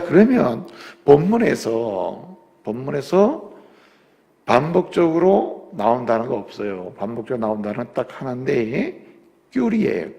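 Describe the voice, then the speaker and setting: A male pastor preaching a sermon, moving from quiet explanation to loud, rising exhortation in a church sanctuary. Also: fairly high pitch, vocal fry, long reverb tail. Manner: acts out biblical speech in quotes.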